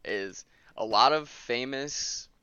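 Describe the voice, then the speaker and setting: A man's voice: medium pitch, takes it slowly, sharp tone, clean tone, no echo. A man co-hosting a podcast in casual chat, giving dry, joking reactions. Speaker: podcast co-host. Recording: dull lo-fi mic.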